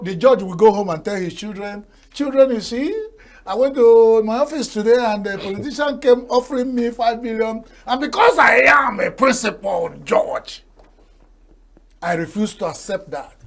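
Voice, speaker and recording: An animated, high-pitched older Nigerian man, a native Igbo speaker, talks at a moderate pace on a TV talk show. His folksy commentary is laced with proverbs and his own laughter at his jokes.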